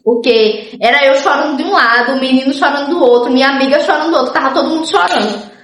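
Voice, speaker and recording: A woman's voice: high-pitched, quick pace, fairly bright tone, reverberant, slight background noise. A young woman, casually telling viewers her life story and acting out what others said. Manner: chatty, often says "gente" and "tipo", acts out others' lines.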